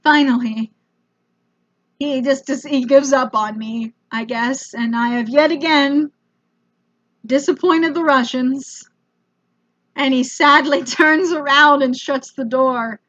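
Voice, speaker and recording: American woman doing a funny travel story, high bright voice, kinda dull lo-fi sound. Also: slow pace, long pauses. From United States. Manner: animated, self-mocking, casual swearing. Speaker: comedian.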